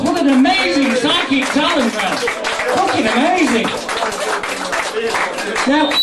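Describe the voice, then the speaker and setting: Brash British male comedy hypnotist, very high-pitched, commanding sweary patter, echoey crowded venue. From Britain. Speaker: comedy stage hypnotist and show host. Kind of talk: bawdy live comedy stage patter. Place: live show in a large indoor venue. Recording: echoey crowded room, distant mic, noisy audience.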